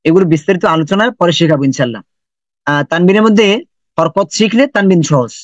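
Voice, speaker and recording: A man's voice: fairly high pitch, fairly quick, dry recording, muffled recording. A man teaching an online lesson in Quran recitation, patiently explaining and repeating sounds and examples.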